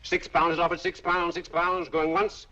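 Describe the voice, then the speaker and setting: A man's voice: high voice, flat delivery, normal speed, bright, forceful tone. An actor playing a male auctioneer, coaxing bids with showy sales patter. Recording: dull old film soundtrack.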